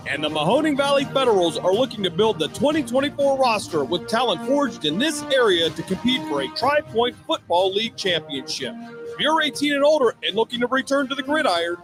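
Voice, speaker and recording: High, lively-voiced male promo announcer over music. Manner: emphatic announcer delivery. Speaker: radio ad announcer. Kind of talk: scripted promo read. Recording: music bed under voice.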